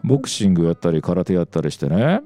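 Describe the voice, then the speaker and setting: A man with a low, lively voice hosts a relaxed radio interview. His mellow delivery wanders and halts, dotted with little interjections to himself. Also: fast, dry recording, faint music behind. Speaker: radio DJ host. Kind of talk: casual radio interview chat.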